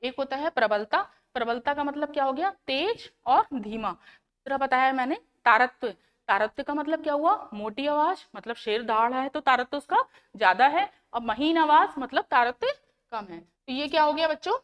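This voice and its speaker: A woman's voice: high voice, normal speed, a bit bright. A woman science teacher explaining a lesson to schoolchildren in Hindi-accented speech. She asks questions and answers them herself, repeating the key terms. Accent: Hindi, North Indian. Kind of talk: classroom lesson explaining to children.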